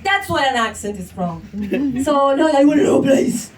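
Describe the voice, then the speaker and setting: A stand-up comedian, joking playfully with the crowd on a handheld mic in a small venue, often laughing and mocking other voices. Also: female voice, high voice, expressive, a little slow. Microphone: handheld microphone. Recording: echoey room, far from camera, noisy.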